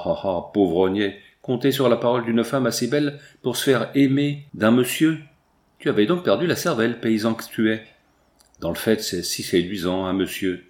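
A man's voice: mid-range voice, darkish tone, close to an everyday voice. A man voicing a jilted young peasant who speaks bitterly and sarcastically, with blunt rustic turns of phrase, in a storybook reading. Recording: roomy echo.

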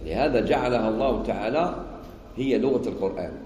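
A man's voice: mid-range voice, fast, warm tone, slight background noise. A man with an Algerian Arabic accent teaching Quran commentary in an informal way, quizzing his listeners and answering the questions himself. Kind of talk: informal religious lesson in dialect. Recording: echoey hall with long reverb.

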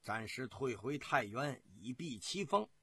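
A storyteller voicing a cautious, worried middle-aged male officer, speaking hesitantly in a husky voice. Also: medium pitch, very animated, a little slow, pushed and bright, no echo, full character voice. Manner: hesitant, careful. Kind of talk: traditional storytelling.

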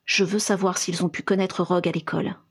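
A man's voice: high voice, flat delivery, fairly quick, creaky, slightly rough, heavily acted. A woman reading aloud and voicing a young wizard investigator who speaks coldly and curtly. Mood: suspicious. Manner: cold, curt.

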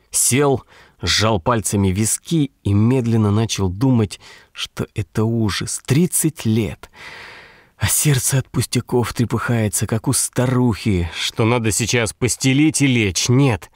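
A man's voice: lowish voice, a little slow, no echo, studio quality. A man reading a story aloud as an audiobook narrator, with a wry, ironic delivery. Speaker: audiobook reader.

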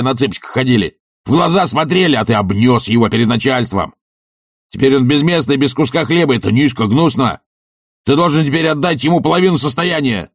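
Guy doing a husky shouting bully, rude loudmouth, voice jumping all over, audiobook. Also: mid-range voice, no echo, clean studio sound, voice pushed up. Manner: shouting, insulting, self-pitying rants. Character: coarse blustering middle-aged man, a bullying sponger.

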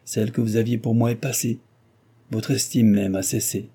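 A man reading the lines of a proud young heiress in a storybook reading, with a dignified, pained and pleading delivery in a deep, husky voice. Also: little pitch movement, normal speed, mellow. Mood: bitter.

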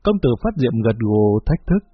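Husky man reading a story, tinny sound. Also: mid-range voice, big pitch swings, moderate pace. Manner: storyteller voicing dialogue lines. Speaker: narrator. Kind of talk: audiobook narration. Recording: tinny lo-fi phone-like recording.

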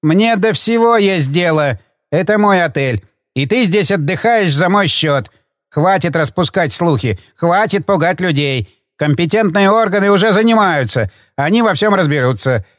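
A man's voice: high voice, animated, moderate pace, no echo, clean studio sound. A man doing a bullying, furious older boss. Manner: barking, bullying, shouting. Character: domineering angry older man, hotel owner.

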